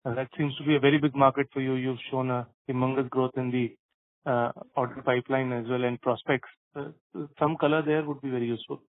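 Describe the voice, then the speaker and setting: A man's voice: medium pitch, little pitch movement, fairly quick. A man, a financial analyst asking polite follow-up questions on a conference call, heard over a phone line. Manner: polite, asks follow-up questions with filler words. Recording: narrowband telephone line.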